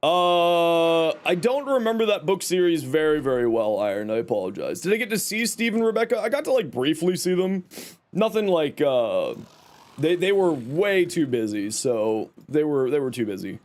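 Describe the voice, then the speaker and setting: A young man with a fairly high, darkish voice and big pitch swings chats with his stream's viewers at normal speed while gaming. He sounds rough from a cold and rambles through chat replies, leaning heavily on fillers.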